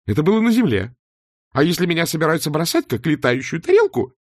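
A man's voice: on the high side, wildly swooping pitch, fast, no echo, studio quality, voice pushed up. A man reading an audiobook, voicing a nervous, fussy male vampire count who complains and frets. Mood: whiny. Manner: whiny, complaining, easily scared.

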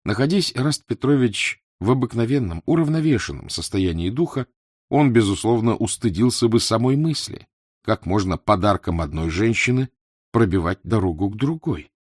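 A man narrating a literary novel in a measured, expressive way. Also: on the low side, slightly rough, dry recording, studio quality. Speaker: audiobook narrator.

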